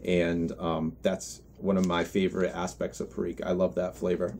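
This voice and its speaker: A man giving an unscripted product review in a halting, reflective way, often correcting himself as he goes. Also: sits low, monotone, vocal fry, a little mellow, a little hiss or hum. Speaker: pipe tobacco reviewer.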